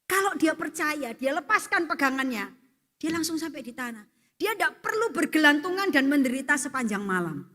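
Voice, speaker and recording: A woman pastor, preaching a sermon as a lively story told to the congregation. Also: sits high, brisk. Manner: storytelling, lively, asks for assent with "ya". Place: church. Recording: long church-hall reverb.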